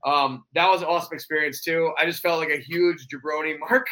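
A man, a podcast guest, telling wrestling stories in a casual, animated way, acting out quotes with sudden jumps in his voice. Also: fairly high pitch, fairly quick, poor audio. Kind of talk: casual storytelling.

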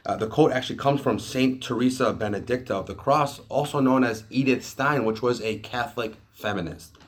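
A man hosting a faith podcast in a studio, chatting conversationally and reading quotes slowly. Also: medium pitch. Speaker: podcast host. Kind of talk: casual podcast chat.

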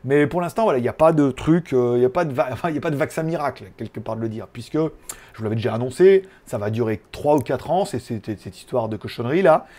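A man's voice: mid-range voice, quick pace, mellow. A man from France hosting a tech live stream, chatting casually in a rambling, joking way with many fillers. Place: home in Thailand.

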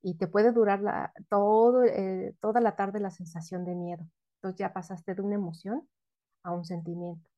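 A woman's voice: medium pitch, steady tone, moderate pace, warm tone, highs cut off. A woman, a guest expert explaining emotional education in an interview, often asking questions and answering them herself.

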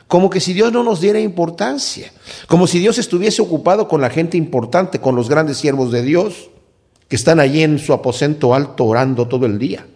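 A man preaching a Bible sermon as a pastor, acting out quoted voices with wide swings in pitch. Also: darkish tone.

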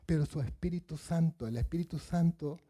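Husky-voiced man preaching a sermon. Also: a little high, fairly quick, dark tone. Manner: asks the congregation questions, acts out Bible voices.

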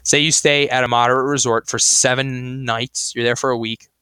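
A man's voice: mid-range voice, little pitch movement, normal speed, bright, forceful tone, clear, resonant tone, no echo. A young man co-hosting a podcast in casual chat, rambling with lots of fillers and restarts. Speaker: podcast co-host.

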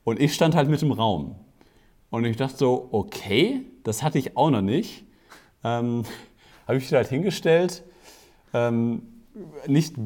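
Mellow-voiced man telling a story. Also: medium pitch. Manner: animated anecdote-telling, acts out quotes. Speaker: wedding photographer, podcast co-host. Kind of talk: casual storytelling chat.

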